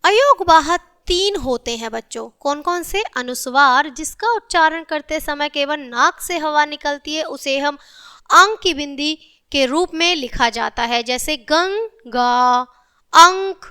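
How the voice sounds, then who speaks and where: A woman teaching a grammar lesson to children. She spells out letters slowly and keeps checking in with "theek hai". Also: sits high, sharp tone.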